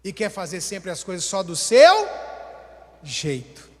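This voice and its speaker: A Brazilian pastor preaches with a very high voice that swoops up and down as he acts out little household scenes. His humorous sermon rings through a hall with a long, lingering reverb. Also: slow pace. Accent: Brazilian Portuguese. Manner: animated, acts out everyday dialogues.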